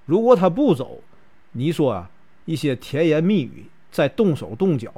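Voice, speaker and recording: A sly, greedy old matchmaker woman plotting and coaxing, as a Northeastern Mandarin storyteller puts her on. The voice sits fairly high and swings widely in pitch. Storybook telling with a lively lilt. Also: moderate pace, slightly rough. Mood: scheming.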